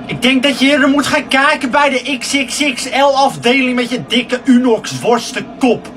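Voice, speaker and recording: Man acting as a rude insulting woman worker, very high voice, music behind, distant mic. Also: normal speed. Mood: scornful. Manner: insulting, snappish, scornful. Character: rude foul-mouthed female service worker. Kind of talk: sketch comedy acting.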